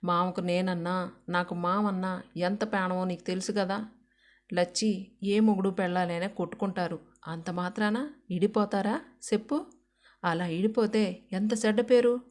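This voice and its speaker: Woman voicing a blunt rural wife, scolding, rustic speech, storybook reading, mid-pitched voice. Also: steady tone, normal speed, close to an everyday voice. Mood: pleading.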